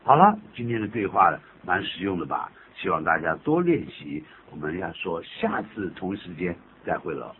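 A low-pitched man teaches English phrases on a radio show, his voice swinging up and down as he jokes through examples. The sound is thin and phone-like, with a faint hiss underneath. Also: moderate pace, hardly any pauses. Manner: jokey, animated, laughs at his own examples. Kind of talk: radio English lesson, chatty explaining.

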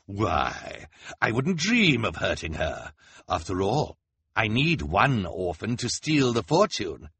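Theatrical storybook villain, cruel and gloating, bright edgy tone, dry close sound; a man performs it. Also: lowish voice, wildly swooping pitch, vocal fry, slightly rough, no echo, heavily acted. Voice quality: drawn-out, sneering delivery. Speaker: audiobook reader. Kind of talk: audiobook character voice.

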